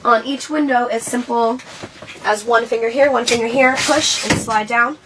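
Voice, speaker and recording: Woman doing a training video walkthrough, highish voice, explaining stuff to camera, kinda distant mic w/ background noise. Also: steady tone, normal speed. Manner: instructional, explaining and demonstrating to viewers. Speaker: presenter of a school bus safety video. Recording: distant mic, clearly noisy ambience.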